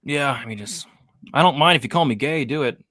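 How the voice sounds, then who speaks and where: Bright, hyped man hosting a fight stream. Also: mid-range voice, a little fast, dry recording, studio quality. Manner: chatty, hyped, reads chat aloud. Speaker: host of a live fight watch-along. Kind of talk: casual live-stream chat.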